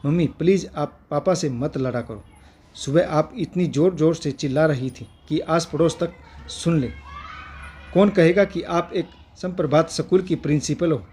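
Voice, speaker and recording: A man's voice: fairly high pitch, moderate pace, mellow, slight background noise, lightly acted. A man reading as a reproachful son.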